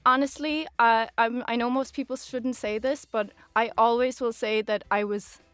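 A woman's voice: on the high side, steady tone, moderate pace, dry recording. A woman in her twenties with a west of Ireland accent, chatting informally as an interview guest, often saying "like" and "kinda". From Galway, west of Ireland. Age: 20s. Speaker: interview guest, social media manager. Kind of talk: casual conversational interview.

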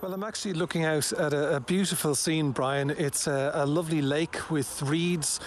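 A man's voice: on the high side, steady tone, normal speed, slight background noise. Man reporting live from outdoors. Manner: descriptive, sombre. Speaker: news reporter. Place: outdoors at a border checkpoint.

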